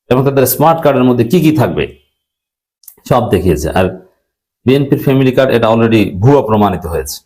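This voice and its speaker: Fast-talking man arguing a political point. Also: mid-range voice, a little mellow, rough recording. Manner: brisk, argumentative, mixes in English words.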